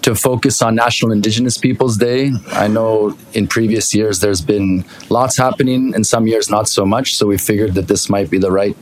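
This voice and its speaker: A man's voice: lowish voice, steady tone, moderate pace, hardly any pauses, low-quality recording. A man giving an informal, conversational presentation at a council meeting as a festival delegate. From Iqaluit, Nunavut, Canada. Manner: conversational, explanatory. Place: city council meeting room, at witness table. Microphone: table microphone with push button.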